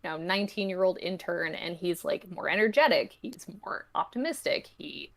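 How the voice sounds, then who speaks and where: Speaking at normal speed in a lowish, gravelly voice, the woman sounds animated. She's a comic creator chatting casually as a podcast guest, and her explanations come out rambling, reflective and tentative.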